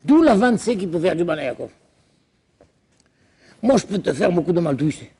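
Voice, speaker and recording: A man teaching a religious lesson, telling the stories in a lively way and acting out the characters. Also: sits high, a little fast, creaky, slightly rough. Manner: storytelling, acts out characters. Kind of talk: animated religious lesson with acted-out voices.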